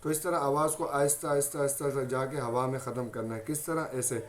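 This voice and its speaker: A man's voice: medium pitch, steady tone, fast. A man with a Pakistani Urdu accent teaching a Quran recitation lesson, patiently repeating each point and saying letters aloud as examples.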